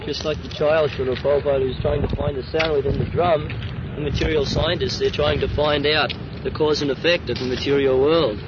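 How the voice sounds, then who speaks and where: A man's voice: a little high, steady tone, fairly quick. A man speaking as a disciple, offering a point in a conversational discussion. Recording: dull recording with wind and vehicle noise.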